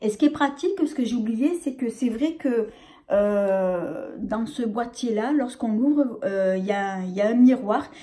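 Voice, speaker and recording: A woman's voice: fairly high pitch, moderate pace, dark tone. A woman with a French accent reviewing a makeup palette in a casual, hesitant way, full of fillers and restarts. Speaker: beauty vlogger.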